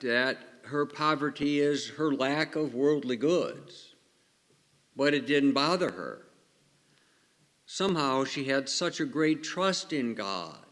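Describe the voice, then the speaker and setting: A man speaking as a priest at a church service, reflective and measured, with cathedral echo around his voice. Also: mid-range voice, fairly bright tone. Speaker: priest giving the Gospel and homily. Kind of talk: liturgical reading and homily. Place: large reverberant church. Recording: cathedral echo, long reverberant church hall.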